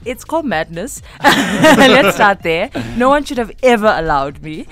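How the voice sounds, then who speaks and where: A young South African woman speaking with a South African English accent as a journalist guest in a radio studio, telling stories in an animated, laughing way with lots of restarts. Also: medium pitch, unhurried, faint music behind. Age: young adult. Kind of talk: casual radio interview storytelling.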